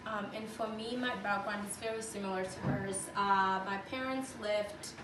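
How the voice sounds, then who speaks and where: A woman's voice: mid-range voice, fairly even intonation, moderate pace. A young woman in her twenties who grew up in Tanzania, giving earnest interview answers with many fillers. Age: 20s. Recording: echoey room, distant mic, noisy.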